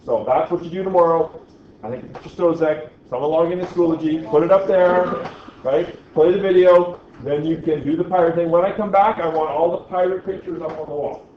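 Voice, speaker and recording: Speaking fairly quickly with a fairly high pitch, this teacher jokes with his class and repeatedly asks "right?" during a lecture. A little hiss or hum sits under the echoey, dull, lo-fi classroom audio.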